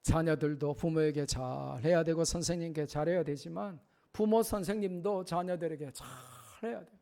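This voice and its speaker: A man's voice: fairly high pitch, normal speed, vocal fry, warm tone. A middle-aged man preaching a revival sermon in a church, emphatic, often acting out short dialogues with children. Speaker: pastor. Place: church sanctuary.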